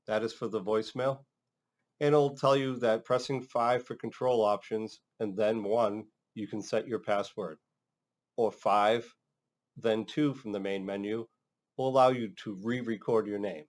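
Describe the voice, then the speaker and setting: A man working as a trainer, narrating an instructional demonstration in a casual, step-by-step way. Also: fairly low pitch. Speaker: phone system trainer.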